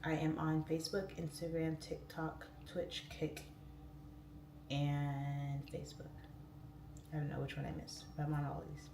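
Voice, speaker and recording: Woman, late 30s, low voice, livestream host, speech slightly thickened by tongue piercing, roomy echo. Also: level tone, fairly quick, few pauses. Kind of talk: casual livestream chat, reading viewer comments aloud. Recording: roomy echo, distant mic, clear background noise.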